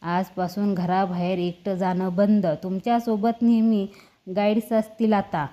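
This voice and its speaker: A woman's voice: medium pitch, fairly even intonation, unhurried, warm tone, lightly acted. A woman voicing a domineering father who scolds his daughter in a commanding way. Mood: stern. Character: stern, domineering father, a politician.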